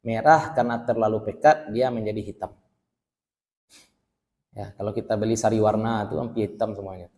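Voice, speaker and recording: A man's voice: lowish voice, fairly even intonation, fairly quick, pauses often, darkish tone. A man giving a religious book study, reading Arabic text and translating it line by line with casual asides to students. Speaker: Islamic teacher. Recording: long hall reverb.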